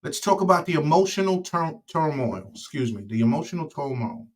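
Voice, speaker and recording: A man hosting a casual recovery talk, earnest and halting, with many fillers and restarts, getting louder on the words he stresses. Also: fairly high pitch, big pitch swings. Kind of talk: casual monologue.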